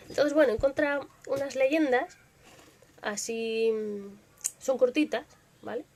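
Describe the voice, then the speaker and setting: Woman, Spain Spanish accent, young adult, soft expressive storyteller, slightly high voice. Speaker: ASMR channel host reading stories on a live stream. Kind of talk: dramatic story reading with casual chat.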